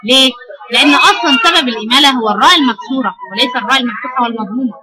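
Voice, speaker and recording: A woman's voice: high-pitched, racing, a loud crowd. A woman with an Egyptian accent teaching a recitation class, quizzing her students and repeating the key answers. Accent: Egyptian Arabic. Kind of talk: classroom lesson with questions. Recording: noisy crowded classroom.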